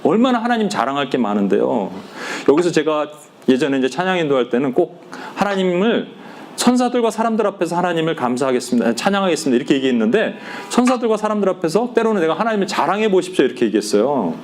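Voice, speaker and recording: Male pastor, fairly high voice with lively swings, faint room hum behind. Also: fast talker. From Korea. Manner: animated, acts out quoted complaints, addresses listeners directly. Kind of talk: sermon to a small group.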